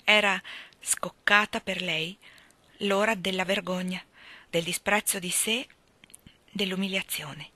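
Bright-voiced woman reading a novel aloud. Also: medium pitch, slow, long pauses, dry recording. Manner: expressive, theatrical reading. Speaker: audiobook reader. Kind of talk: expressive audiobook narration.

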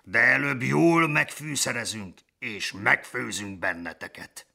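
A man voicing a pompous wildebeest herd leader in a storybook reading, proclaiming slowly. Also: medium pitch, gravelly, sharp tone, voice pushed up, exaggerated voice.

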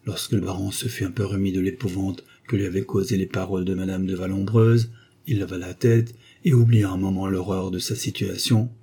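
Male audiobook narrator, measured literary reading; dark, husky tone. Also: sits low, fairly even intonation.

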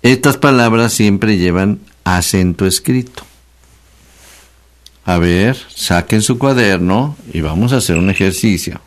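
Low-voiced Mexican radio host, teacherly. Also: male voice. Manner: chatty, teacherly, repeats key words slowly. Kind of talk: casual radio talk on spelling. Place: radio studio.

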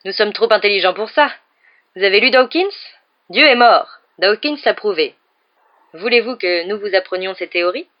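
A woman reading aloud and voicing a haughty, mocking middle-aged aunt in a shrill, sneering tone. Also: fast talker, muffled recording, lightly acted. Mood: scornful.

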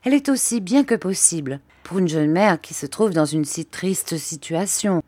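A woman voicing a mild, timid country doctor who speaks gently and deferentially. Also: on the low side, expressive, normal speed, no room sound. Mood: soothing.

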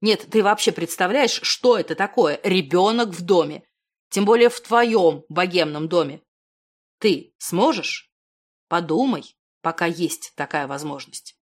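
A woman's voice: fairly low pitch, animated, unhurried, voice pushed down. Woman putting on a grumbling, skeptical man. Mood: earnest. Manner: grumbling, blunt. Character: skeptical grumbling older brother, blunt man.

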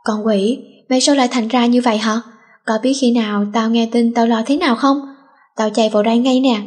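A fussy teenage girl whines and scolds through tears in a storybook, as a woman reads her. Her voice is fairly high and breathy. She rattles her words out quickly. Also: fairly even intonation, darkish tone, lightly acted. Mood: tearful scolding. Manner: whiny, scolding.

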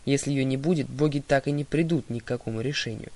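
A man's voice: mid-range voice, quick pace, a little mellow, close to an everyday voice. A man voicing a stern young huntress. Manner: curt, commanding. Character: stern proud young huntress girl, old-fashioned.

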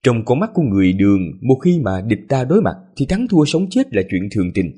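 Hoarse, mellow male story narrator. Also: mid-range voice, brisk. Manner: relaxed, chatty asides with fillers. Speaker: story narrator and channel host. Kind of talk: serialized audiobook narration.

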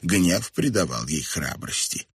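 A man narrating a storybook in an even, measured reading. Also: deep voice, slightly rough, dry recording, clean studio sound. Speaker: audiobook narrator.

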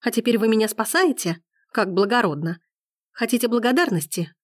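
A woman's voice: mid-range voice, expressive, brisk, dry recording, clean studio sound, close to an everyday voice. A woman reading an audiobook, voicing an enraged young woman who hurls angry accusations. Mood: furious. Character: furious young woman in period romance.

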